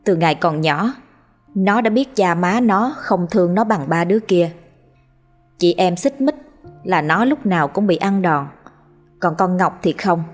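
A woman with a Southern Vietnamese accent narrating a story in a steady, even scripted style. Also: on the low side, unhurried, long pauses. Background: faint music.

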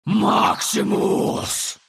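A man voicing a hissing female mist monster who speaks in choppy, hoarse, half-swallowed words, as in an audiobook. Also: very slow, a bit bright, dry recording, clean studio sound. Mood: enraged. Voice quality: hoarse whispery hiss.

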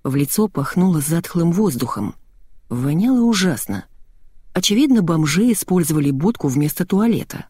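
A woman narrating a novel in the first person, telling the story in a lively, expressive way on a close microphone. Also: lowish voice, normal speed, husky, dry recording. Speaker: audiobook narrator.

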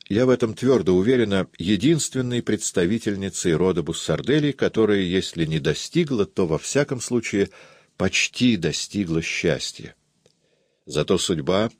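Deep-voiced man reading a novel. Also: no room sound, clean studio sound. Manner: measured, even reading. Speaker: audiobook narrator. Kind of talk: scripted literary narration.

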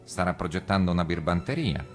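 A man's voice: deep voice, animated, brisk. A wary miller in a radio fairy tale mutters to himself in an ordinary man's voice, as the male narrator puts him on. He sounds suspicious and keeps his voice down. Faint music runs behind.

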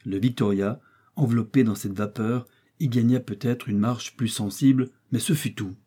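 A man narrating a classic novel in a measured, even storytelling manner. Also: medium pitch, slightly rough. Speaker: audiobook narrator. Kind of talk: scripted narration.

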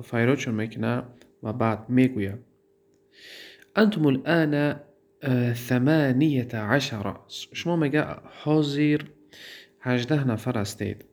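A man with a Tajik accent teaching a grammar lesson. He drawls out word forms, asks questions and answers them himself, and pauses on fillers. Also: mid-range voice. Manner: drawls out word forms, repeats them slowly, then translates. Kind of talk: classroom lesson.

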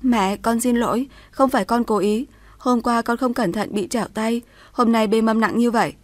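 A woman's voice: fairly high pitch, fairly even intonation, moderate pace, dry recording, voice pushed up, close to an everyday voice. A woman voicing a young widowed daughter-in-law who pleads in a tearful way. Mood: pleading, tearful.

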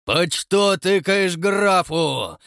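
A man's voice: mid-range voice, very animated, measured pace, dry recording, studio quality. A man voicing a pompous, grey-bearded old man posing as a count, grandiose and menacing. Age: older.

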